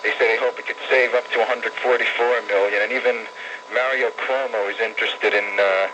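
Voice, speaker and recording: A man of middle pitch calls in to a radio show and mocks the papers with sarcasm. Clear noise hangs over his noisy phone line. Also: steady tone, fairly quick. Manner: mocking, sarcastic. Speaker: caller. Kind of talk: call-in talk radio.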